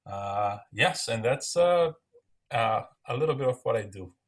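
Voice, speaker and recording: A man from Brazil, a guitarist and music teacher, introducing himself haltingly with many fillers on a video call. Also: medium pitch, lively intonation. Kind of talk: casual self-introduction.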